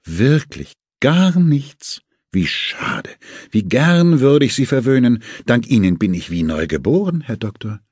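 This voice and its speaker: Man voicing a retired older woman, sugary and gushing, raised voice, husky edge, dry sound. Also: medium pitch, big pitch swings, measured pace, a little mellow, no room sound, pitched above the performer's own voice. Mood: syrupy. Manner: gushing, syrupy-sweet and overly eager. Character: retired older woman, sweetly mocking hostess.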